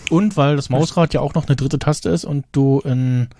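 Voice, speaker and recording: Male podcast co-host, rambling casual talk, warm dark voice, dry booth sound. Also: mid-range voice, fairly even intonation, normal speed, no room sound. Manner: rambling, many fillers and restarts. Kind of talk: casual chat.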